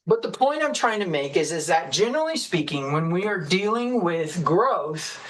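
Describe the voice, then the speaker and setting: A woman teaching a sermon at a ministry service, deliberate, repeating key phrases and checking in with her listeners. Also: lowish voice, big pitch swings, a little hiss or hum, rough recording. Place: church service.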